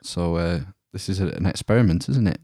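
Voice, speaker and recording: A man's voice: low voice, fairly quick, warm tone, no echo, clean studio sound. A middle-aged man chatting casually as a comedic podcast co-host from inside a small trailer. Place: inside a caravan on holiday. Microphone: online call, close dry sound.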